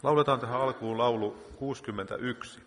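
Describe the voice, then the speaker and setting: A man's voice: mid-range voice, steady tone, slight background noise. A man leading a church meeting, praying aloud spontaneously and repeating "Lord" between phrases, then giving the week's announcements. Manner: prayer punctuated by constant repeated "Lord". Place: church hall. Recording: long reverb of a church hall.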